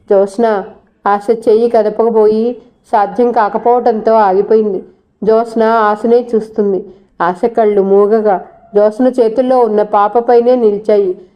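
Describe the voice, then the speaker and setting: A woman reading a novel aloud in a steady, measured storytelling style. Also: medium pitch, dull audio. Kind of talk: audiobook narration.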